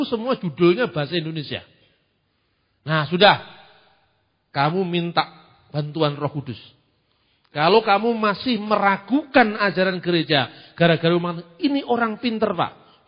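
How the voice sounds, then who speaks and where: A man speaks to a church congregation in a lively, mocking way, full of colloquial asides. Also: high voice. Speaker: church teacher. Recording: dull, reverberant hall recording.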